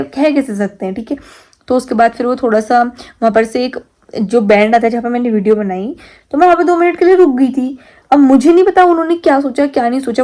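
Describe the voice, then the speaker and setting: A woman's voice: fairly high pitch, warm tone. A young woman vlogger casually telling a story to her viewers, chatty, with English words dropped into her talk. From Uttarakhand, India. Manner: chatty, mixes in English words, repeats "theek hai".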